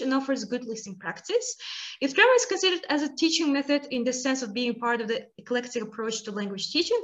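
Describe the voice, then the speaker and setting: High-voiced young woman, dull lo-fi call. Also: fairly bright tone. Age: young adult. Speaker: student presenter. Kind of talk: read-out formal presentation. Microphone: computer mic on a video call. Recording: dull lo-fi video-call audio.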